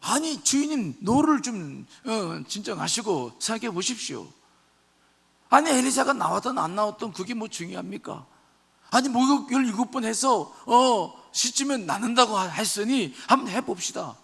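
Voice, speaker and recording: A man's voice: sits high, expressive, normal speed, creaky, fairly bright tone, breathy edge, in a large hall, full character voice. A male pastor voicing humble servants who coax and plead with their angry master. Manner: pleading, coaxing, rhetorical questions.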